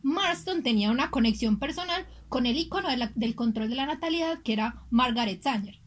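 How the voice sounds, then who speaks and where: Woman, high voice, podcast co-host, chatty gossipy storytelling. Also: expressive, a little fast. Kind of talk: casual chat.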